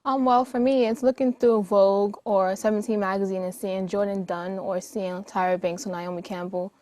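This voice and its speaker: A woman's voice: medium pitch, steady tone, moderate pace, dark tone. A young woman answering interview questions in an easygoing way. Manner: easygoing, laughs while answering. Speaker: guest.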